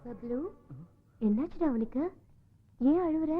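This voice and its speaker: A woman's voice: sits high, expressive, measured pace. A woman dubbing a caring but firm single woman in her thirties in film dialogue, speaking emotionally and scolding. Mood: tender. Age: 30s. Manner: emotional, scolding then tender. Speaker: dubbing actress. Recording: tinny lo-fi film audio with music score.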